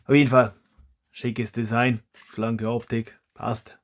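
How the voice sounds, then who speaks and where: A man's voice: medium pitch, flat delivery, slow. A man, a hobby YouTuber chatting casually as he reviews toy blasters, rambling and correcting himself aloud.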